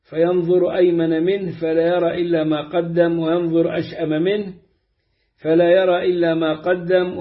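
Guy reading hadith slow and careful, highish voice, kinda muffled dull recording. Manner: slow, deliberate recitation with drawn-out phrases. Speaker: hadith reader. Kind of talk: measured reading of hadith with commentary.

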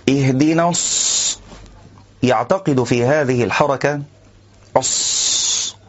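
A man teaching the correct recitation of a verse, explaining calmly and then reciting examples slowly and deliberately. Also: mid-range voice, dull audio. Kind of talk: instructional lesson with slow recited examples.

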